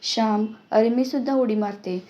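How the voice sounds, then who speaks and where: A woman's voice: a little high, normal speed, dark tone, lightly acted. A woman voicing a bold, cheerful little village girl who boasts about jumping in, in a storybook reading.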